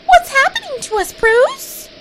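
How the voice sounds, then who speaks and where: A performer voicing an excitable, bossy, childish female sidekick in a comedy audio drama, squealing and demanding. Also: very high voice, unhurried, background noise, heavily acted. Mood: alarmed.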